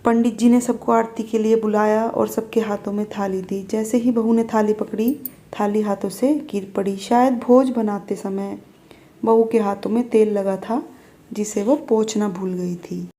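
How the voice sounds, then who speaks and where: Female storyteller with a dark, mellow voice, for steady narration of a story. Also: medium pitch, measured pace.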